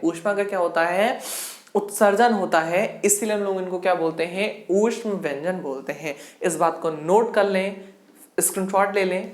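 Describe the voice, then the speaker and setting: In an echoey room, a woman with a mid-range voice teaches a Hindi grammar lesson for exam prep. She poses a question, answers it herself, and drills sounds aloud slowly.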